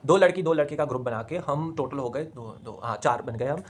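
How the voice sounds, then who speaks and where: A man's voice: fairly high pitch, normal speed, a bit bright. A young man chatting casually at home, telling a personal story and mixing English phrases into his talk.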